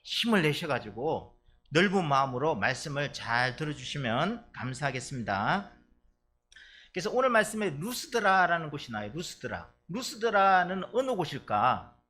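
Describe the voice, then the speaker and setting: A man's voice: on the high side, big pitch swings, moderate pace, sharp tone, slight background noise. A male pastor from Chungcheong preaching a sermon in a church, chatty and playful with the congregation. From Chungcheong, Korea. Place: church sanctuary.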